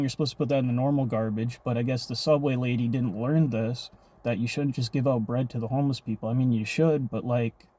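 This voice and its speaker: A man's voice: medium pitch, warm tone. A man telling a personal story in a rambling, profane, casual vlog monologue.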